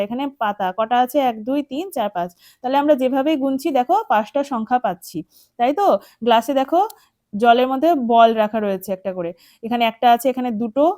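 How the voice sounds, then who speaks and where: Female primary teacher, West Bengal Bengali accent, gentle coaxing lesson voice, soft mellow tone. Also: high voice, no echo, clean studio sound. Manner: patient, coaxing, checks in with "ঠিক আছে?". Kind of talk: children's textbook lesson, spelling words aloud.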